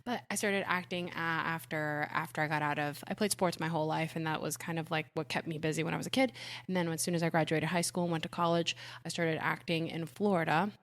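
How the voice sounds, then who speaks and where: Young woman guest from Puerto Rico, native Spanish speaker, lowish voice, chatty storyteller. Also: fairly even intonation, fast. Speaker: podcast guest. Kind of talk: casual conversation.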